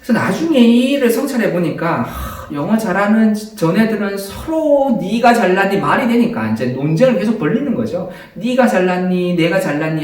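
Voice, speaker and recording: Lively male priest preaching in an echoey church. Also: high voice. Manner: animated storytelling with rhetorical questions to the congregation. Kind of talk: sermon. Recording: very echoey church, distant mic.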